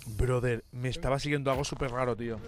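A man with a Spain Spanish accent streaming a survival game with friends, often yelling in panic and cursing. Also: mid-range voice, steady tone, fast talker, a crowd in the background. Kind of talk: live gaming chat with friends.

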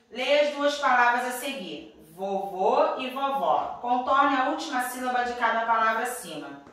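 A woman's voice: mid-range voice, pushed and bright, very echoey, distant mic, low-quality recording. A woman teacher with a Brazilian Portuguese accent reading a worksheet to young pupils, patiently checking in after each step. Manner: refers to herself as "tia [name]". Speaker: primary school teacher.

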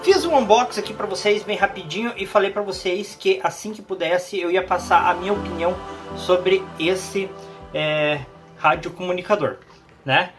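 A man's voice: high voice, normal speed. Brazilian man reviewing gear, music behind. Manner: hesitant, repeats phrases for emphasis. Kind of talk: casual product review to camera. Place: small home office room indoors.

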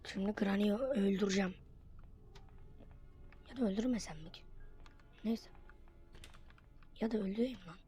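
A woman giving casual commentary while playing a horror game, excitable and quick to get frustrated. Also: medium pitch, faint music behind. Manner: excitable, bursts into frustrated yelps. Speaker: gamer.

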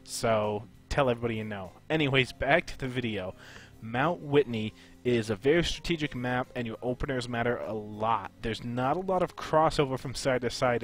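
A man talking through game tactics in a home voice-over, his voice a little off while he gets over being sick. He explains things in a relaxed, loose way, with plenty of "uh"s and restarts, at an ordinary pitch for a man. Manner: relaxed, explanatory, with frequent fillers. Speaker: gaming channel host. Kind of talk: casual game strategy tutorial.

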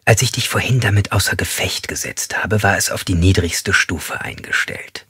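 A man voicing a calm, controlling male serial killer, speaking slowly and with menace. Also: low-pitched, husky, no room sound, clean studio sound, full character voice. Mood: coldly calm. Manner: slow, measured and menacing, at times hissed.

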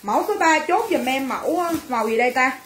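A woman's voice: sits high, lively intonation, fast talker, echoey room, a little hiss or hum. A woman selling clothes on a livestream, brash and teasing as she banters with viewers. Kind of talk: livestream sales chat.

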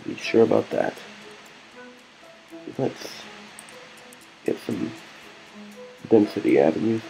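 A man with a low, gravelly voice talks through a video game in a loose, unscripted way. He rambles and hesitates often, filling the gaps with ums and uhs. It sounds like a casual gameplay commentary. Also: animated, slow, mellow, soft background music. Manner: rambling and hesitant, many fillers. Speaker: let's play gamer.

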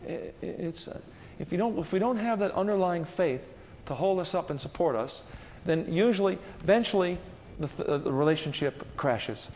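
A man with a fairly high, lively voice delivers an earnest spiritual lecture, often asking his listeners questions. His voice rings with a long hall reverb over a faint background hum. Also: moderate pace, few pauses. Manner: earnest, asks the audience questions. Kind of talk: spiritual lecture to a live audience.

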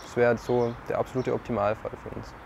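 A man's voice: mid-range voice, little pitch movement, fast, gravelly, darkish tone. Young man outdoors, street noise. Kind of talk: documentary interview. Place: outdoor courtyard.

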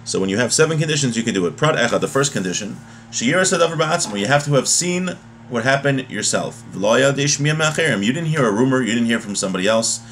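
A man in his thirties with an American accent teaches a religious text informally, reading passages and then explaining them, often rephrasing himself. His voice is mid-range, expressive, quick, and a bit bright. He records in a small room at home on a webcam or laptop mic at desk distance, and background room noise is clearly audible.

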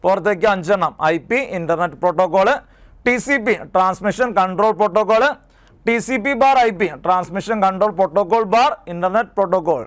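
High, clear-voiced man drilling exam terms. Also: brisk. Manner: drills terms by asking and repeating them. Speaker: exam coaching teacher. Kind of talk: exam prep lesson.

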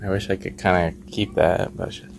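A man chatting casually to his phone outdoors in a backyard as he vlogs, halting, grumbling and swearing as he goes. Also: sits low, steady tone, vocal fry. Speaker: vlogger. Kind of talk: casual first-person outdoor vlog chat, muttering to camera. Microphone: handheld phone held by the speaker. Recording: noisy handheld outdoor phone recording.

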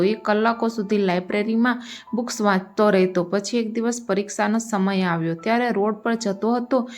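A woman's voice: mid-range voice, a little mellow. A woman with a Gujarati accent narrating moral stories, reading every part herself and addressing listeners as friends. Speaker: storyteller.

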